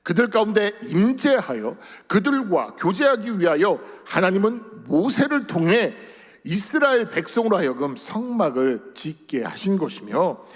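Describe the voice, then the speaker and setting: Husky guy preaching a sermon, big swings in pitch, long echo of a church hall. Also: big pitch swings, measured pace. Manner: earnest preaching, rising on key words, dropping at phrase ends. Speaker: pastor. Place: church sanctuary.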